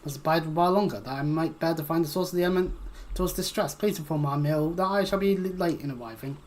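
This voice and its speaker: A woman's voice: deep voice, quick pace, darkish tone, a little hiss or hum, close to an everyday voice. A woman reading a formal, distracted mystic. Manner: formal, archaic, stumbling read.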